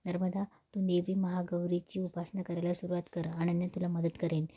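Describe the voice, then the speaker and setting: A stern elderly patriarch of a big household, read out by a woman. He speaks firmly in a low, dark voice that barely moves. The sound is dry and close. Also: completely flat delivery, fairly quick, breathy edge, no room sound. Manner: firm, commanding, plainly read.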